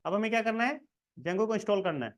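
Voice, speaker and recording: A man's voice: sits high, animated, fast. A man giving a casual screen-recorded coding lesson, talking the viewer through each step and checking in often. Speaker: programming tutor.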